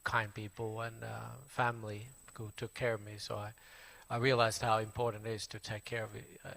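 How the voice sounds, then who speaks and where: A man in his forties from Finland with a Finnish accent, a Buddhist monk casually introducing himself in halting English full of fillers and restarts. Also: lowish voice, little pitch movement, a bit bright. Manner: halting, many fillers and restarts, plain friendly telling. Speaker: Buddhist monk giving a talk. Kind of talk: casual spoken self-introduction.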